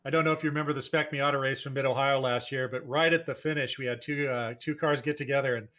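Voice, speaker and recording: Talking fast with a mid-range, slightly bright voice and fairly even intonation, a man hosts a live sim racing broadcast, commentating in a casual, folksy, enthusiastic way. The audio is dull and lo-fi, like a broadcast feed.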